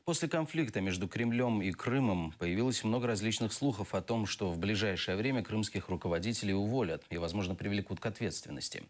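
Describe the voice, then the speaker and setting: A man reads television news narration in a formal, steady voice. His pitch sits a little low, and the delivery stays even and composed throughout. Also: a little fast, hardly any pauses. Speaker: news reporter.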